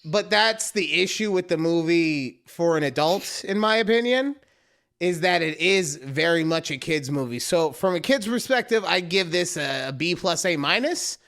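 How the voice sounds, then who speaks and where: A man in his thirties co-hosting a podcast, chatting casually and joking with loud bursts. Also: on the high side, lively intonation, moderate pace. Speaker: podcast co-host. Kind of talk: casual chat.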